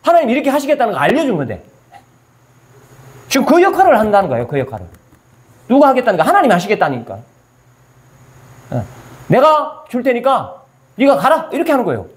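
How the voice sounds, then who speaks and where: A man's voice: high voice, wildly swooping pitch, fast, pauses often. A male pastor preaching a sermon. He asks his listeners questions and answers them himself, and he acts out scripture in casual everyday speech.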